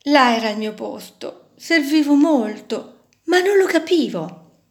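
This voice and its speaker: A little lost screw, high and tearful, longs for her ship, as a woman reading aloud puts her on. The voice is raised and wistful, lifting and falling in slow storybook rhythm. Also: expressive. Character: little sad female ship's screw.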